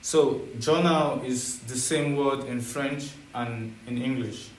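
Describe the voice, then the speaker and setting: A man's voice: medium pitch, slow pace. Impatient guy talking kinda far from the mic, echoey room, faint background noise. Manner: blunt, impatient, casual. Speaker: learner quizzing an AI. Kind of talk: casual chat.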